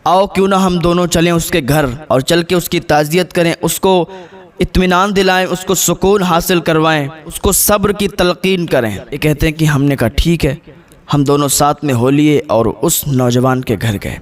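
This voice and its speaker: A man's voice: fairly high pitch, fairly even intonation. A man preaching a sermon, telling a moral story in a dramatic, repetitive style.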